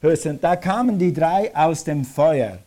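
A man preaching a lively sermon, acting out scenes as he speaks. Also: on the high side, a little slow. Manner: animated preaching, acts out scenes. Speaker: pastor.

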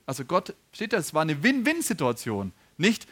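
A man's voice: a little high, huge pitch swings, moderate pace, a bit bright, husky. A man preaching a sermon, telling stories, laughing and asking the congregation questions.

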